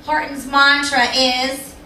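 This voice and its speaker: A woman's voice: sits high, level tone, takes it slowly, sharp tone, echoey room, distant mic, a little hiss or hum, rough recording. A woman giving an inspirational banquet speech, telling a story and asking the audience rhetorical questions. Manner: storytelling, reads verse aloud with rhythm. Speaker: banquet speaker. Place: banquet hall.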